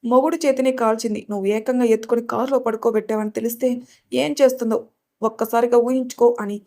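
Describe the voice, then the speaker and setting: A jumpy young man, fretful and jokey, his voice pushed a little higher when he pleads, played by a woman reading the story. He rattles on with worry. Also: steady tone, quick pace, mellow, close to an everyday voice. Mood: nervous pleading. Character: nervous young male student, jokey sidekick.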